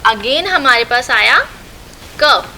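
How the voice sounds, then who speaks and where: Slow, bright-voiced woman teacher. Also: on the high side, lively intonation, slight background noise, poor audio. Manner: slow, patient, repeats and asks questions then answers them. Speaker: school teacher. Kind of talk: recorded online lesson for young children.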